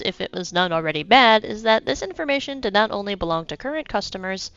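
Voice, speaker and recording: With a cold making her voice slightly congested, a young podcast host from the United States narrates her script and drops wry asides. She speaks at a fairly high pitch with a bit of brightness, and the highs are cut off.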